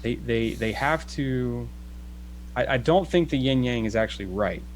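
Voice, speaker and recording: A man's voice: medium pitch, normal speed, slight background noise, poor audio. A man in a casual video-call conversation who reasons aloud, restarting phrases and checking in with "right?". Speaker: guest.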